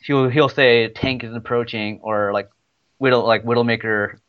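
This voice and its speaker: A man's voice: medium pitch, fairly even intonation, moderate pace, muffled recording. A man chatting casually about a video game, rambling with many restarts. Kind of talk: casual gaming chat.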